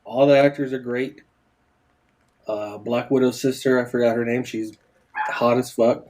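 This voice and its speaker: A man's voice: mid-range voice, flat delivery, unhurried, a little mellow. A man as a guest on a casual podcast, speaking in a laid-back, blunt way and swearing casually. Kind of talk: casual chat.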